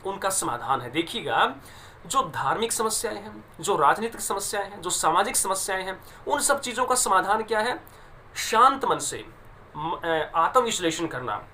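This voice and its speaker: A male teacher walks through a poem line by line, reading the English slowly and explaining it in Hindi. His voice is bright and forceful. A faint hiss of background noise sits under the recording. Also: sits high. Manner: explains English lines in Hindi, stresses pronunciation; slow deliberate reading of English phrases. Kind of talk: classroom lesson explaining a poem.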